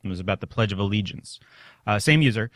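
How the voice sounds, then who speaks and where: A man's voice: on the low side, lively intonation, quick pace, a bit bright, dry recording. A man hosting a podcast solo in a casual, conversational and self-deprecating way, speaking into a studio microphone. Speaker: podcast host. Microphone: studio microphone through a mixer.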